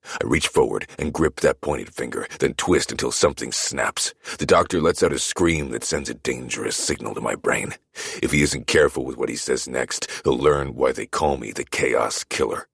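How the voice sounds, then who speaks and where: Very deep, gravelly male narrator. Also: normal speed, fairly bright tone, no room sound, studio quality. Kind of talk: first-person audiobook narration.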